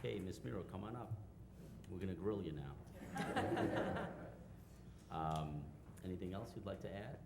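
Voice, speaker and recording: A man chairing a village public hearing as mayor, relaxed and joking with the speakers. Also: sits low, measured pace, vocal fry, pauses often. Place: village hall meeting room. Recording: echoey council chamber mic with noise.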